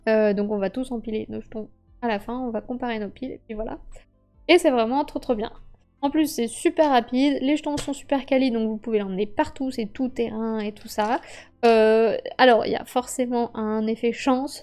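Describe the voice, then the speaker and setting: A woman's voice: on the high side, dark tone. A woman streamer chatting casually about her favorite board games, bubbly and laughing often as she acts out little scenes. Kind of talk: casual live-stream game review. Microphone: streaming microphone.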